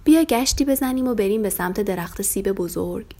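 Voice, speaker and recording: A woman doing a calm, caring father lamb. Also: mid-range voice. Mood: soothing. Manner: gentle and soothing.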